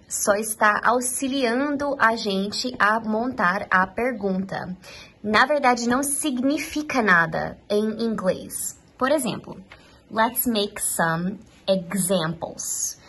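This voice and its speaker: Slow, patient Brazilian woman teaching English. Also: medium pitch, bright, forceful tone, a little hiss or hum, low-quality recording. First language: Portuguese. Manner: switches into slow classroom English, patient and encouraging. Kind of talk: online language lesson.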